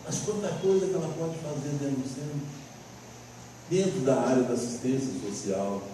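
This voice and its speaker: Middle-aged Brazilian man, folksy spiritist lecture, dark mellow voice, echoey hall, distant mic. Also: mid-range voice, normal speed, a little hiss or hum. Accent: Brazilian Portuguese. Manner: folksy, frequent tag questions. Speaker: spiritist speaker. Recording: roomy, distant hall recording.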